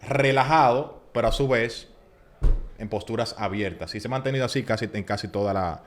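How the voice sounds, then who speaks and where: A man, a public speaking coach giving advice in a casual podcast chat, emphatic and animated, acting out little quoted scenes. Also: medium pitch, a little fast, a little hiss or hum.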